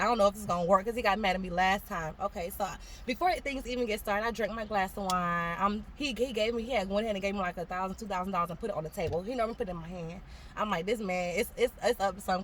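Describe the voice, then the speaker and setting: A young woman rattles through a personal story at a quick clip, animated and acting out the voices of the people she quotes. Her pitch sits in a middle range, and a faint hiss of noise hangs behind her. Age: young adult. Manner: animated, acts out quoted voices, laughs often. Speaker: guest telling her story. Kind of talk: casual storytelling.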